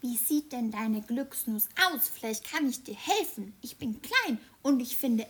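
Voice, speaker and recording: A woman's voice: fairly high pitch, animated, unhurried, husky. A woman voicing a small, chatty, curious female mouse in a children's story. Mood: helpful. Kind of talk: children's audio story acting.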